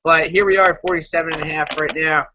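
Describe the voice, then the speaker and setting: Bright-voiced man on a sports podcast. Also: on the high side, steady tone, fast talker, a little hiss or hum. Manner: opinionated, jokey, runs the segments. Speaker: fantasy football podcast co-host. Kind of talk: casual chat. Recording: dull lo-fi audio.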